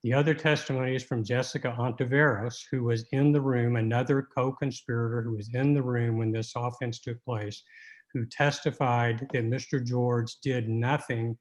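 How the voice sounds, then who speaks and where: An appellate lawyer, a man, argues his case orally in court, halting and combative, with words he keeps repeating. His pitch sits in the middle range, and the recording quality is poor.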